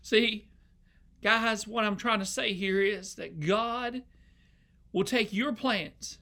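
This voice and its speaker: A man's voice: sits high, takes it slowly, bright, forceful tone. A young man preaching a sermon as an associate pastor, earnest and emotional, often repeating himself. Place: church sanctuary.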